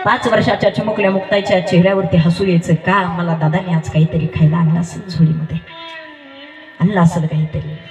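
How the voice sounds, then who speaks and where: A male kirtan preacher giving a devotional sermon, telling a story in an emphatic, sing-song, repetitive way. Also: sits high. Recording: roomy echo with live music behind.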